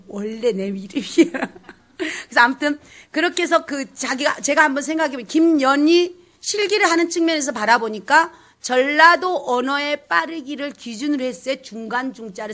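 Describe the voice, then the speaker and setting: A woman from South Jeolla with a Jeolla dialect accent, teaching pansori in a lively lecture full of acted dialect and sung examples. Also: high-pitched, moderate pace. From South Jeolla, Korea. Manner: animated, switches into dialect role-play and sung phrases.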